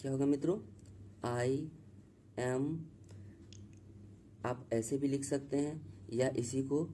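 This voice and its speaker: A man teaching a spoken English grammar lesson in Hindi. He talks slowly and repeats himself, spells words out letter by letter, and keeps checking in with the class. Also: mid-range voice, steady tone, warm tone, slight background noise.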